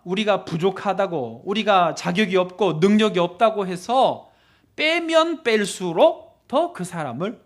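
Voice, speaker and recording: High-voiced man preaching an animated sermon. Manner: acts out Bible figures in lively voices, leads congregation in call-and-response. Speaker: pastor.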